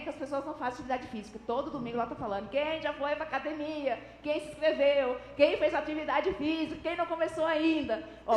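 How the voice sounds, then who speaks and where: A woman's voice: high voice, slight background noise. A woman preaching a sermon to a congregation, explaining scripture and acting out everyday examples with shifting intonation. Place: church hall. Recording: echoey church hall with long reverb.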